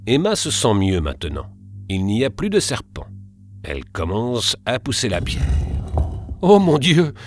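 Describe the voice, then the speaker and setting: Animated low-voiced male storyteller. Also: normal speed, soft background music. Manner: expressive, animated reading. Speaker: narrator. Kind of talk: storybook narration.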